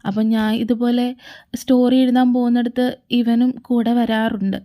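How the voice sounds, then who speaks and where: A woman voicing a patient young man who reasons gently with his friend in a fan audio drama. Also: a little high, level tone, moderate pace, lightly acted. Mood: calm.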